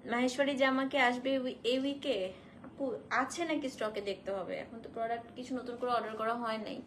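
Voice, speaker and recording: A woman hosting a casual live stream to sell saris, feverish and in pain, speaking slowly and softly and mixing in English phrases. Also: a little high, little pitch movement, a little hiss or hum. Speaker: online shop owner selling saris on a live stream.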